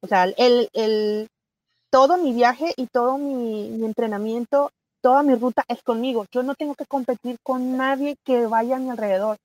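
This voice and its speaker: A middle-aged Mexican woman talks with a high voice in an animated, chatty way. She often stops on fillers and restarts her sentences. The sound is dry and close, with no room echo. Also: normal speed, highs cut off. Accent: Mexican Spanish. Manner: animated, chatty, many fillers and self-corrections. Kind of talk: casual conversation.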